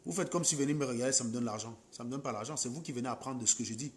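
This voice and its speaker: A man's voice: mid-range voice, rapid-fire. A man with a Cameroonian French accent, talking to his viewers on a late-night live stream and scolding commenters. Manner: scolding, combative, mocking commenters.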